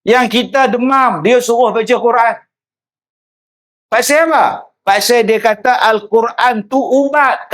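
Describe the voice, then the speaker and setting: A male preacher, delivering a lively sermon that mixes humor with direct address to the audience. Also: sits high. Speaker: religious preacher. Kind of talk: public sermon.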